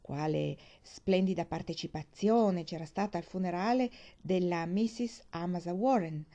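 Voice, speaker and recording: Woman reading a novel aloud, low and mellow. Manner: expressive, varied reading. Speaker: audiobook reader. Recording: dull muffled recording.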